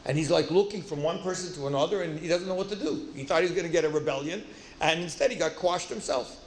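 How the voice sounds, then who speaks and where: Male lecturer, lively storyteller who acts out dialogue; roomy hall sound. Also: fairly high pitch, quick pace, a little hiss or hum. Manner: lively, acts out dialogue, self-deprecating asides. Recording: roomy hall with faint ambience.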